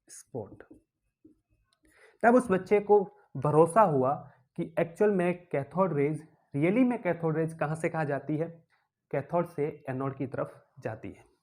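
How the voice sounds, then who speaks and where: A man with an Indian accent teaching physics in a classroom lecture, repeating key terms as questions to the class and acting out objects as characters in playful stories. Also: on the high side. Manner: animated, acts out objects as characters.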